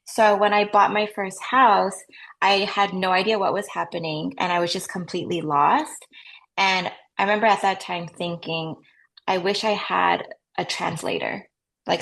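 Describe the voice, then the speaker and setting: Answering interview questions casually, an American woman in her 30s talks about her real estate agent job, laughing lightly and saying "like" often. She speaks at a moderate pace in a fairly low, fairly bright voice with vocal fry and fairly even intonation.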